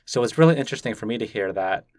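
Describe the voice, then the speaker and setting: Racing along in an animated mid-range voice, a Canadian podcast interviewer who grew up speaking Cantonese asks curious, gently probing questions in a relaxed conversational exchange. The recording is dry.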